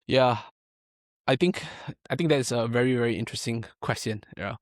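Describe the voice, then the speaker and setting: A young Malaysian powerlifting coach, mid-range in voice and speaking a little fast, rambles casually through a podcast interview. Fillers like "like" and tag questions like "right?" run throughout, in a dry, studio-quality recording.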